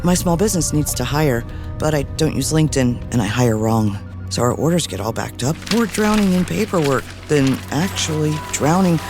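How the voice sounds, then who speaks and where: A frazzled male small business owner, recounts an absurd nightmare in comic advert style. His voice sits fairly high, and music plays clearly behind it. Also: expressive, moderate pace. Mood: anxious, overwhelmed. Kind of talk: comedic advert acting.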